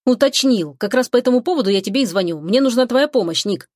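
A woman's voice: fairly high pitch, expressive, fast, a little mellow, no echo, clean studio sound. A woman voicing a breezy clever young man. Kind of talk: audiobook character voice.

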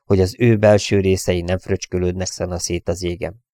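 A man reading an audiobook in a steady, measured storytelling manner. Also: deep voice, no echo, clean studio sound. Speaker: audiobook reader. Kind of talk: audiobook narration.

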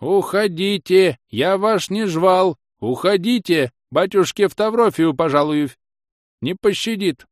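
A man voicing a stern old village man with a hoarse, smoky voice and a mushy lisp, howling threats. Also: high voice, lively intonation, takes it slowly, dry recording, studio quality, voice pushed up. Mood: threatening. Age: older.

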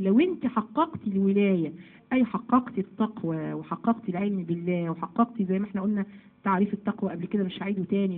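A woman with an Egyptian Arabic accent teaching a Quran commentary lesson to women, lively and asking then answering her own questions. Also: medium pitch, phone-quality sound. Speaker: religious teacher.

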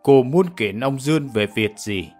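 A man playing a stern colonial-era prosecutor who questions a suspect slowly and deliberately. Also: medium pitch, a little mellow, soft background music, close to an everyday voice. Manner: slow, deliberate, accusing.

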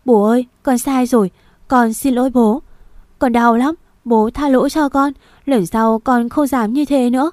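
A woman's voice: a little high, measured pace, few pauses, darkish tone, no echo, clean studio sound, lightly acted. A woman voicing a frightened young daughter who stammers and begs her father for forgiveness. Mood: pleading. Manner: tearful, pleading, stammering.

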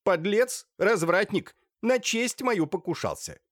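Man doing a screeching spiteful mother, high shrill voice, theatrical outbursts, storybook reading. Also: lively intonation, takes it slowly, dry recording, studio quality. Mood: furious, spiteful. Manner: venomous insults, theatrical outbursts. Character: shrill hysterical middle-aged woman, spiteful mother.

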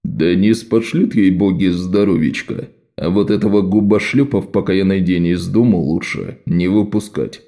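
A man voicing a gruff middle-aged constable who speaks slowly and dismissively. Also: sits low, mellow, pitched below the performer's own voice.

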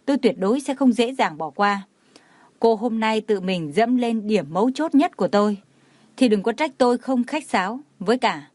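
Icy proud young wife, flat and detached, woman doing her, dry sound. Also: a little high, dry recording, natural voice. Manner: cold and detached. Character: cold, proud young wife standing firm.

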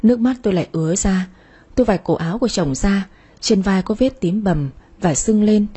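A woman narrating a sad first-person story in a soft storytelling manner. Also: mid-range voice, a little fast, slightly rough.

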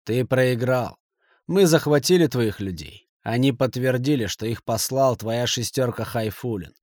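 A man's voice: mid-range voice, measured pace, a little mellow, no echo, clean studio sound, lightly acted. Man voicing a spiteful, nervous banker. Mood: tense.

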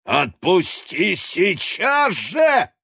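A man's voice: deep voice, expressive, slow, no echo, studio quality, heavily acted. A man voicing a proud, gloomy male house cat who speaks mournfully and solemnly in a storybook. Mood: defiant shouting. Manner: mournful and solemn, bursting into shouts.

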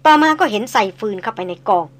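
A woman narrates an audiobook novel. Her voice sits on the higher side, and she reads in an unhurried, measured storytelling way. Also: lively intonation.

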